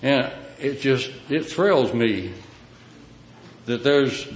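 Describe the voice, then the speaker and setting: A man's voice: mid-range voice, expressive, extremely slow. A man with a rural Ozark hillbilly accent preaching a sermon in a folksy, plain-spoken way. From Missouri, United States. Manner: folksy, plain-spoken, emphatic swells dropping to quiet asides. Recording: echoey hall, reverberant, faint noise.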